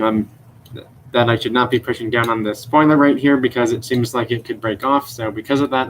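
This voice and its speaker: A young man with a mid-range voice shows off his toy car collection on a casual live stream. He rambles with many fillers and unsure self-corrections, and the rough computer-mic recording carries slight background noise.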